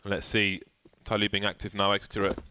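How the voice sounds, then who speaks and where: Bright-voiced male esports caster. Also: fairly low pitch, little pitch movement, brisk. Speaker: esports commentator. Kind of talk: live play-by-play commentary. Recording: light background noise with game gunfire.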